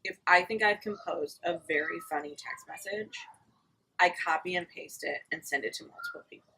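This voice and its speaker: Bright, husky woman, wry and chatty. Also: fairly low pitch, normal speed, recorded from a distance, poor audio. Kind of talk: casual comedic chat.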